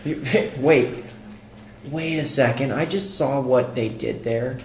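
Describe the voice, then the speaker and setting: A man's voice: medium pitch, slow. A young man co-hosting a gaming podcast, joking and calling out what he sees in the game as he plays. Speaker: podcast co-host playing a video game. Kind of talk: casual gaming commentary. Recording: echoey room with faint noise.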